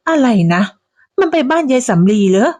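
Woman playing a jealous shrill old wife. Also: lively intonation, darkish tone, dry recording. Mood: suspicious, indignant. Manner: cursing, accusing, drawn-out delivery.

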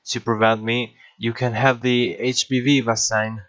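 Guy playing a cheeky cartoon virus bad guy, explains itself straight to the listener, medium pitch, educational script. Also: flat delivery, unhurried, fairly bright tone, lo-fi sound, close to an everyday voice. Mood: cheeky, explanatory. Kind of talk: scripted first-person educational narration.

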